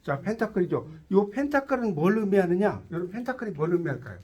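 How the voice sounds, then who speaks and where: A man's voice: high voice, big pitch swings, fast talker, darkish tone, muffled recording. A man teaching a tarot lecture to a class, quizzing his students and cracking jokes as he explains. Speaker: tarot instructor.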